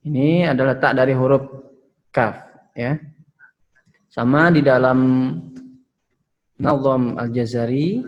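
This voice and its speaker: Over a low-quality recording, a man with a mid-range voice teaches Quran recitation online. He patiently walks through letter pronunciation, models each sound, and ends phrases with "ya".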